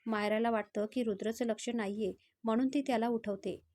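A woman storyteller reading a romantic story in a steady, scripted narration. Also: on the high side, brisk.

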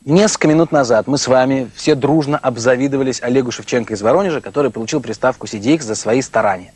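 A man in his thirties presenting a TV show and interviewing guests in a jokey, theatrical way, with a husky voice. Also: mid-range voice, fast, noisy background. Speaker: TV show host. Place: small TV studio.

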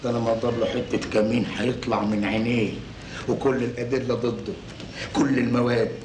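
A cocky, scheming crook, played by a man with an Egyptian Arabic accent who talks fast and brags in an old Egyptian film. His voice sits at an average pitch. The soundtrack is echoey with faint hiss. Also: level tone, darkish tone, close to an everyday voice. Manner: cocky, boastful. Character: scheming, boastful male crook. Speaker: actor in a film. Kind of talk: 1980s Egyptian film acting.

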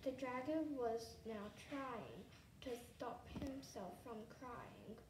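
A woman reading a children's picture book aloud, slowly and expressively, with a few restarts. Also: a little high, sing-song, roomy sound, noisy background. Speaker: storyteller.

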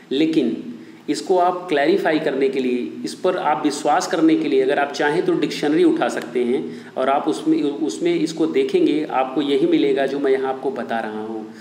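Male tutor, drilling style, asks and answers his own questions, somewhat high voice, echoey room. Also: darkish tone. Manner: rhetorical questions, then answers them himself and repeats; addresses viewers as his dear children and friends. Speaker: English teacher. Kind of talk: online video lesson in Hindi. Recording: echoey room with long reverb.

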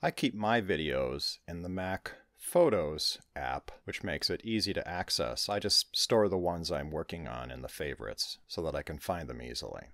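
A man narrating a screen-recorded software tutorial, calmly walking through each step. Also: rumbling low, normal speed, vocal fry, hardly any pauses, no room sound, clean studio sound. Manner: calm step-by-step instruction. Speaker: tutorial host.

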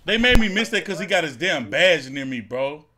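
A man's voice: on the high side, very animated, normal speed, noisy background. A young man talking on a live game stream like a hyped gamer bro, slangy and exclamatory, on a headset mic. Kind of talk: live gaming stream chat.

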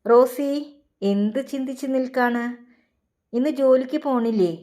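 A woman's voice: high-pitched, moderate pace, mellow, voice pushed up, lightly acted. A woman voicing a concerned older woman neighbor who asks pointed questions. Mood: curious. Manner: questioning, familiar.

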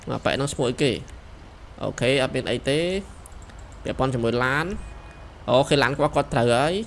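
A young man giving excited gameplay commentary, shouting quick directions as he plays. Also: medium pitch, a little hiss or hum. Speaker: gameplay streamer. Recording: voice over loud game sirens. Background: police sirens from the game.

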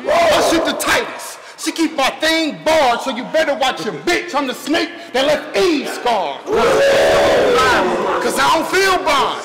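A man with a very high, lively voice hurls brash battle-rap insults, often shouting. His pitch swings widely from line to line. A loud, roaring crowd cheers all around him at a live event. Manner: brash, taunting, punchlines shouted over crowd reactions. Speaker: battle rapper. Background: loud crowd reacting.

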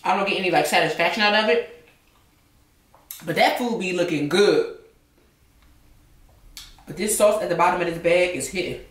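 A young woman talks casually to her viewers between bites, sometimes with her mouth full. Her voice sits a touch low. She is recorded in a roomy space, a little back from the mic. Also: normal speed, long pauses. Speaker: vlogger. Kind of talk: casual chat while eating. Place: home, indoors. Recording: roomy, from a distance.

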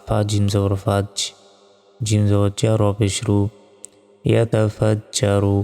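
A man's voice: lowish voice, completely flat delivery, a little slow, dark tone, in a large hall, soft background music. A man with a Bangladeshi accent teaching Quran reading, patiently spelling out each letter and vowel mark. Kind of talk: spelled-out recitation lesson.

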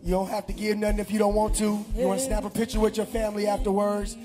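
A middle-aged pastor talks quickly over music, voice sitting high, as he leads prayer and announcements in a large church hall. Holding a handheld mic, he shouts animatedly to the congregation.

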